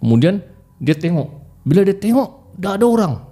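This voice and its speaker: A man's voice: high voice, moderate pace, husky. A man hosting a horror story podcast, telling the tale casually and acting out the characters' cries. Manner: animated, acts out voices and cries in the telling.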